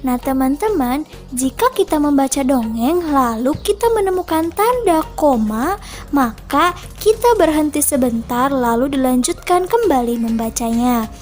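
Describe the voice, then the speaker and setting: Clear, deliberate teacher woman. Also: high-pitched, animated, darkish tone, soft background music. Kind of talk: classroom lesson and storybook narration.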